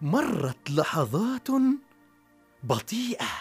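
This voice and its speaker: A woman narrating a children's story in an expressive, dramatic way. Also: low-pitched, slow pace, slightly rough, soft background music.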